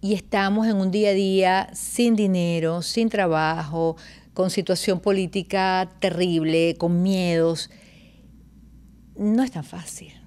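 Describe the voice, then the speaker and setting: A woman's voice: lowish voice, fairly even intonation, takes it slowly, a little mellow, clear, resonant tone. A woman, a radio host asking thoughtful, conversational questions in an interview.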